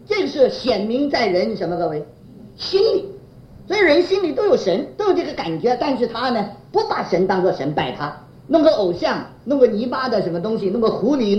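Animated woman preacher in a roomy, lo-fi recording. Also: medium pitch. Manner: poses fill-in questions to the congregation; chuckles while telling anecdotes. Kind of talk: sermon.

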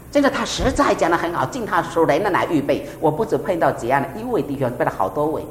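Low-voiced woman preaching a sermon. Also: a little fast. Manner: lively, asks listeners rhetorical questions. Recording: echoey room, faint rumble.

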